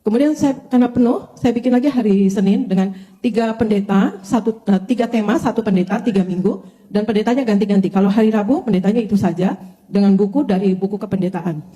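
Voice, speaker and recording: An older woman, a pastor, telling her conversion story to a congregation with lively storytelling and frequent direct address to her listeners. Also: medium pitch, fast talker. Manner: animated storytelling, often addressing listeners as brothers and sisters. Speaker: pastor giving a testimony. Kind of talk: testimony sermon to a congregation.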